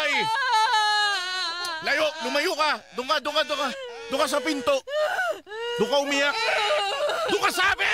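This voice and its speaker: An actor playing a young husband and father in a radio drama, pleading with his wife and soothing his baby, then shouting in panic. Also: medium pitch, very noisy, close to an everyday voice. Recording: radio drama with loud music underscore.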